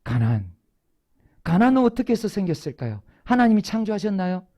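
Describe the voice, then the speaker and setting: Lively preacher with a swinging pitch. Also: fairly quick. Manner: lively storytelling, asking the congregation questions and answering them. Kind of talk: sermon. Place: church sanctuary.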